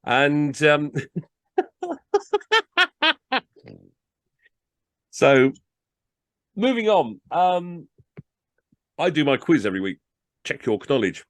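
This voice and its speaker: A man reading comic war stories aloud and chatting about the books, animated, jumping into voices and chuckling. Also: on the high side, slow pace, pauses often, no echo. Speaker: storyteller. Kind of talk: story reading and casual commentary.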